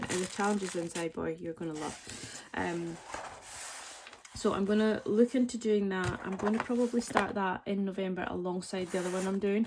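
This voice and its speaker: A woman in her forties, a budgeting vlogger, chats casually and ramblingly while showing her budgeting items, cracking playful self-mocking jokes. Her voice is medium-pitched with vocal fry, and packaging crinkles close to the mic.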